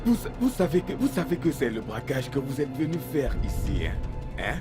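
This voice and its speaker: A man's voice: medium pitch, sing-song, normal speed, lightly acted. A man playing a cowardly gatekeeper who stammers and pleads in panic in a dubbed film. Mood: panicky. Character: cowardly, fast-talking male gateman. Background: film music.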